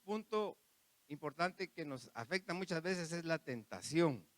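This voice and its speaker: A man's voice: on the high side, expressive, measured pace, no room sound. A man preaching a sermon, repeating phrases and turning to the congregation with asides. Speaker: pastor.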